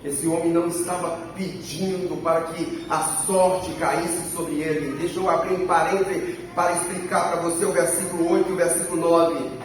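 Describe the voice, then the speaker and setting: A man's voice: fairly high pitch, little pitch movement, normal speed, few pauses. A man with a Brazilian Portuguese accent preaching a sermon, emphatic and repeating his phrases. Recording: echoey church from a distance, faint noise.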